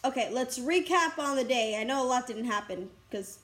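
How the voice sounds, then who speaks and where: A young woman in a casual vlog, rambling excitedly and breathlessly about her school day, recorded outdoors on a school campus. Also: high-pitched, normal speed. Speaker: vlogger.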